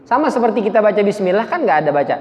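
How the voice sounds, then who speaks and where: A man teaching Quran recitation to a mosque congregation, explaining slowly and demonstrating the sounds himself. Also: high-pitched, sing-song, darkish tone. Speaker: preacher. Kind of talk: tajwid lesson to a mosque congregation. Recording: dull sound with long hall reverb.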